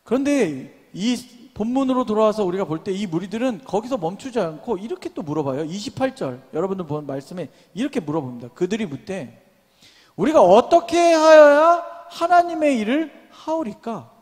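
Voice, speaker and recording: A man's voice: high voice, lively intonation, brisk, darkish tone, in a large hall. A young man preaching a sermon to a young adults' service, asking the congregation many questions and calling for amens. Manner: calls for responses and amens. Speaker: pastor. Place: church sanctuary.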